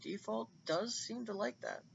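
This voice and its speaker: A man giving casual, excitable and rambling commentary on a computer game fight, on a dull lo-fi recording with faint hiss. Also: high voice, a little slow, vocal fry. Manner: excitable and rambling, with many restarts.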